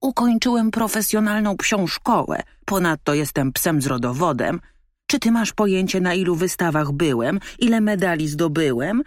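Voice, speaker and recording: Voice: mid-range voice, takes it slowly, gravelly, hardly any pauses, no room sound, studio quality, voice pushed up. A woman voicing a proud, pompous pedigreed male dog in a storybook reading, with a raised, haughty, indignant tone. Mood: boastful.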